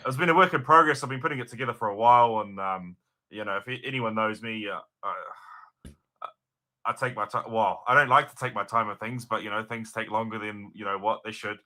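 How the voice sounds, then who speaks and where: A man with a New Zealand accent talks casually as an interview guest. His voice sits fairly low but is strikingly bright and forceful, and he phrases things loosely with hesitations and slang. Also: fairly quick. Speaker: racing driver guest.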